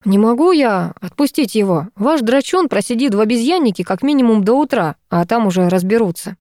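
A woman's voice: on the high side, lively intonation, fairly quick, darkish tone, dry recording, clean studio sound, lightly acted. A woman voicing a tired, impatient police lieutenant in an audiobook, speaking curtly. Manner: curt, impatient.

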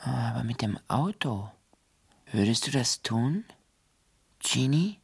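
Creepy taunting stalker in a radio play, gravelly, drags the words out slow. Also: medium pitch, animated, no room sound, exaggerated voice. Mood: brooding. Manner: taunting, sinister, drawn-out whispers. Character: menacing unseen male tormentor, taunting and cold.

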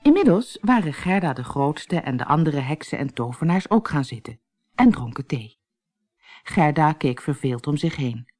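A woman narrating a children's fairy tale in an expressive storybook reading. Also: deep voice, normal speed, faint music behind. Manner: expressive, lively.

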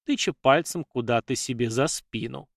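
A man's voice: medium pitch, moderate pace, gravelly, no echo. A male audiobook narrator with a mid-range voice reads fiction steadily. The sound is dry and close, with no room around it. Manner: steady storytelling read.

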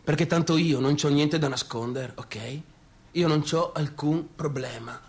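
This theatrical monologue comes from the same brash, restless only son, speaking straight to the radio-drama audience in a northeastern Italian Venetian accent, casual and repetitive, lurching from joking to defensiveness. Here he sounds defensive and agitated, his male voice on the high side at a measured pace.

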